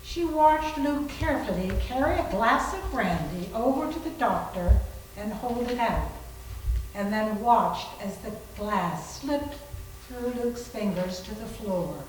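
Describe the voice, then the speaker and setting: This woman has a fairly high voice with lively intonation and a measured pace. She is narrating a scripted suspense story as part of a readers theater, recorded in a reverberant room at a library reading, and the audio is very echoey, distant, and noisy.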